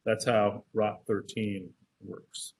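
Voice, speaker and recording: A man's voice: fairly low pitch, flat delivery, slow pace. A man teaching an online class as instructor in a casual, conversational, explanatory way.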